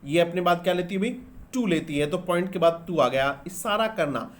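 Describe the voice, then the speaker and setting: A man's voice: high-pitched, animated, normal speed. A man teaching English grammar in a lesson. He explains step by step, asks questions and answers them himself, and spells words out letter by letter. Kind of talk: classroom-style grammar lesson.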